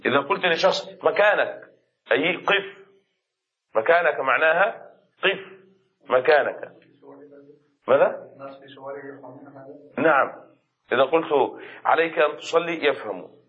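A man's voice: fairly high pitch, bright, forceful tone, lo-fi sound. Male Arabic teacher with a raised voice. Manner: explains slowly and repeats key words; asks students questions as he goes. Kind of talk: classroom lesson.

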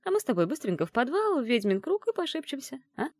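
A woman reading the part of a caring, shrewd middle-aged witch mother in an audiobook, in a gentle, teasing way. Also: sits high, very animated, fast, no room sound, clean studio sound, pitched above the performer's own voice. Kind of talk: audiobook character voice.

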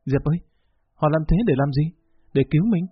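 A man's voice: a little high, steady tone, brisk, husky, no room sound. A man voicing a poor young man who is fearful and doubtful, speaking anxiously. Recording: dull lo-fi recording with faint music.

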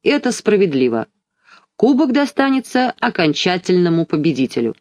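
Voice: medium pitch, very animated, normal speed. A reader doing a blustering old storybook king. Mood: pompous, decreeing. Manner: loud, barking proclamations. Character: short-tempered, pompous old king.

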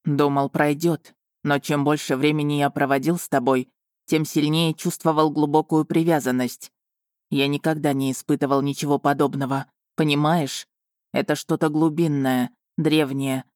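A woman's voice: low-pitched, level tone, normal speed, darkish tone, no echo, studio quality, natural voice. A woman reading an audiobook, voicing a brooding, possessive, ancient male dragon in a curt, commanding manner. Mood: earnest.

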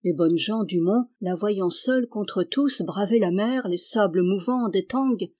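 Steady audiobook narrator of a classic novel. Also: mid-range voice. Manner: steady measured reading. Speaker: audiobook reader.

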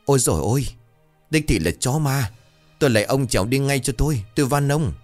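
A man voicing a frightened older village wife who begs and trembles in a shrill voice. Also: expressive, brisk, darkish tone, faint music behind, lightly acted. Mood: terrified.

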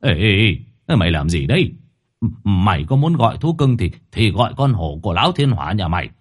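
A man voicing a bossy, gruff middle-aged male exorcist who scolds and threatens. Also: lowish voice, sing-song, fairly quick.

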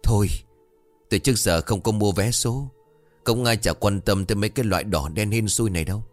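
A man's voice: on the low side, fairly quick, soft background music, lightly acted. A man voicing a kind, modest middle-aged village woman.

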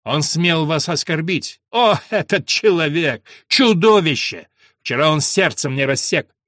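A man's voice: fairly high pitch, expressive, measured pace, bright, forceful tone, dry recording, clean studio sound. A man reading a verse play aloud and voicing a servant torn between vengeance and love, in a declamatory manner. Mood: indignant. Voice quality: husky, declamatory. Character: Ruy Blas, lovesick servant turned avenger, adult man.

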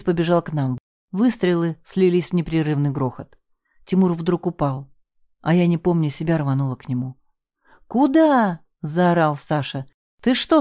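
A woman reading a first-person story aloud as an audiobook narrator, raising her voice for the shouted lines. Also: lowish voice, no room sound, studio quality.

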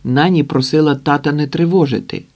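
A man's voice: fairly high pitch, fairly quick, a little mellow. A man voicing a blunt, cocky young mechanic who talks curtly in slang. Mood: persuading.

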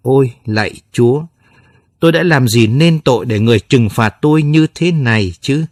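A man's voice: mid-range voice, normal speed, no room sound, clean studio sound, lightly acted. A man voicing an enraged despairing father. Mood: anguished. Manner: shouting, bitter accusations. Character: furious middle-aged father, harsh and despairing.

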